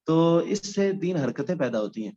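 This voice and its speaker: A man's voice: on the high side, expressive, dark tone, dull audio. A male recitation teacher giving a recorded lecture, explaining step by step with frequent hesitation sounds.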